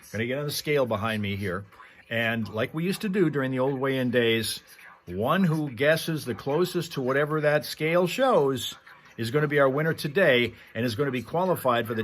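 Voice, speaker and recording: Hosting a livestream, this man talks casually to his viewers in a meandering, story-like way. His mid-range voice is a bit bright, and background noise is clearly audible.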